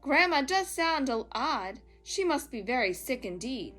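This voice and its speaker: A sweet, innocent little storybook girl, played by a woman, speaking high and bright. Her delivery is polite, lilting and wide-eyed. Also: big pitch swings, unhurried, soft background music, full character voice. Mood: puzzled.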